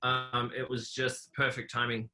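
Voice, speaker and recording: Bright-voiced man from New Zealand. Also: mid-range voice, a little slow. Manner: relaxed, rambling storyteller with many fillers. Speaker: podcast guest. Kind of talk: casual conversational interview.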